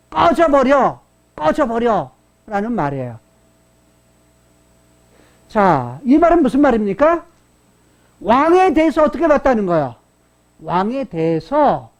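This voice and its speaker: A woman's voice: medium pitch, darkish tone. A woman pastor preaching a Sunday sermon, often asking the congregation questions and repeating key phrases. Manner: dramatic voicing of quoted insults.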